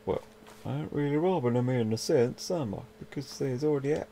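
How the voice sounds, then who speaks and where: A man's voice: mid-range voice, brisk, dark tone, a little hiss or hum. A young man chatting casually through a let's-play, swearing mildly and talking to the game's characters. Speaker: gaming video host.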